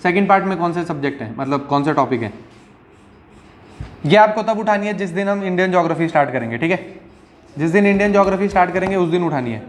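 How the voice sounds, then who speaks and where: A man's voice: high voice, expressive, quick pace. A male teacher giving a classroom lecture in a conversational way, often checking in with his students.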